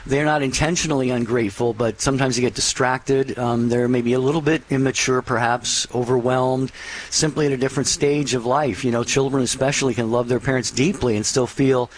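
Male host, call-in radio, even voice, encouraging, faint noise. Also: medium pitch, fairly quick, rough recording. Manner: warm pastoral encouragement.

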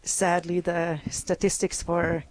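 A woman from Hungary, a guest on a radio show, telling her story earnestly with many pauses and ums. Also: lowish voice, flat delivery, a little hiss or hum. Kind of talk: interview conversation.

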